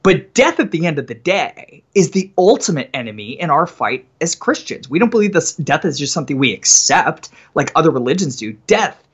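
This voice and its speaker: A man in his thirties speaking as a guest author in a podcast interview, energetic and talkative, repeating words as he starts a thought and often adding "right?". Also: on the high side, fairly quick, hardly any pauses, breathy edge, dull audio.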